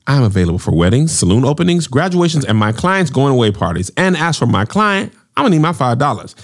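An actor playing a cheeky young salesman and comedian who cracks jokes in a fast stand-up patter. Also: medium pitch, big pitch swings. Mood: wisecracking. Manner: wisecracking stand-up patter with sudden shouts. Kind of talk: comedic audio drama acting.

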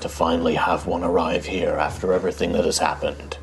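A man voicing an ancient, solemn giant guardian of metal and stone in tabletop role-play, with a deep rumbling voice and formal, grave speech. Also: level tone, a little fast, gravelly, a little hiss or hum. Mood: solemn welcome.

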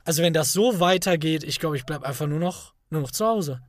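A man's voice: a little high, expressive, a little fast, dry recording, studio quality. A man co-hosting a podcast, chatting casually and arguing his points earnestly at length. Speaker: podcast co-host.

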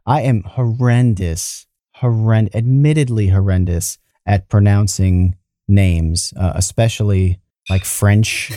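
A man hosts a casual podcast conversation in a mellow, dark-toned voice. He talks in halting bursts, and the recording is dry and close. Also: lowish voice, dry recording. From New York, United States. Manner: chatty, halting, laughs easily. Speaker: podcast host.

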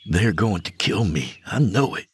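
A man's voice: low-pitched, animated, unhurried, breathy edge, voice pushed up, heavily acted. A man voicing a frightened young modern man hiding from a mob in the Old West. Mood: panicked. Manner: frightened, whispered, pleading.

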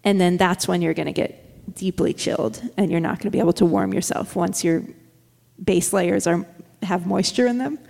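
A woman talks casually and quickly as an interview guest. She fills her speech with fillers and restarts. Her voice carries a long reverb tail. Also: fairly low pitch, fairly even intonation, creaky, a little mellow. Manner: quick, chatty, many fillers. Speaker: guest, dog musher.

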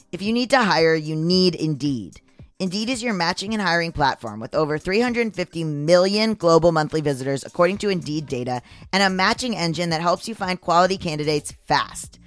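Androgynous podcast host reading ads over music. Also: fairly bright tone. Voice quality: androgynous, testosterone-deepened voice with some strain. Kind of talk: scripted ad reads with personal asides.

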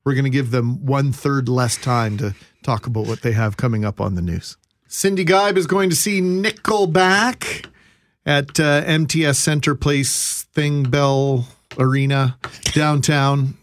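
A man's voice: mid-range voice, a little slow. A man hosting a radio show, casual and teasing with his co-hosts and guests in the studio. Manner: joking, teasing. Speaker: radio host. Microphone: studio microphone.

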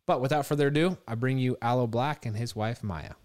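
A man's voice: medium pitch, fairly quick. Male co-host, upbeat, casual chat, mid-range voice. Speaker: podcast co-host.

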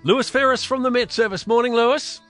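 A man's voice: very high voice, fast, fairly bright tone, faint music behind. A man with a New Zealand accent hosting a conversational radio interview in an informal, matey way. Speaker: radio host.

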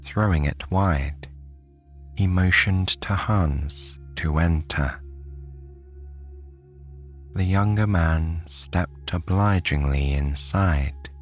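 A British man from the United Kingdom narrating a bedtime sleep story in a soft, soothing way. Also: sits low.

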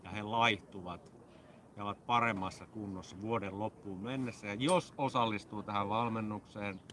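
A man's voice: fairly low pitch, steady tone, a bit bright, slight background noise. A man co-hosting a podcast, giving jokey mock-serious fitness instructions in casual chat. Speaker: podcast co-host.

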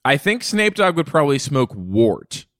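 A man's voice: on the high side, sing-song, moderate pace, a bit bright, no echo, clean studio sound. A man co-hosting a comedy podcast, eagerly pushing the bits along in improv banter.

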